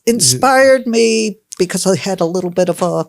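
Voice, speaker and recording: A personal trainer in her sixties from Connecticut, United States, answers interview questions as a podcast guest in a chatty, emphatic, conversational way. Her voice is medium-pitched and creaky, with lively intonation and a moderate pace. There's no room sound.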